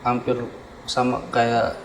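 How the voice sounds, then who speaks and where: A man, a guest telling of a ghost encounter in a casual, slangy, relaxed way with short replies. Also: medium pitch, slow, gravelly, slight background noise. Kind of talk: casual chat.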